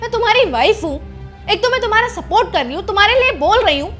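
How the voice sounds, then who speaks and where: A woman's voice: extremely high pitch, lively intonation, fast talker, a bit bright, faint music behind. A woman playing an indignant young wife who confronts her sister-in-law in a scripted family drama. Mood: hurt. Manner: confrontational, scolding.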